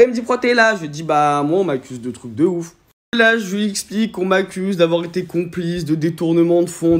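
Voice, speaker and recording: A young man, an influencer, telling a personal story to his followers in a casual, slangy way, swinging between loud outbursts and low mutters.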